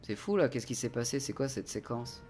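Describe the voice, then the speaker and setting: A man's voice: mid-range voice, expressive, brisk, a little mellow, faint music behind. A man doing let's-play commentary in a joking, sarcastic, rambling manner into a studio condenser mic. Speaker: gaming streamer.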